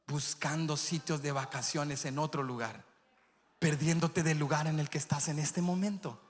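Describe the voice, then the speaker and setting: A male pastor preaching a sermon, passionate and telling vivid stories. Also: on the high side. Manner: impassioned preaching with vivid storytelling. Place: church sanctuary. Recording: echoey church hall.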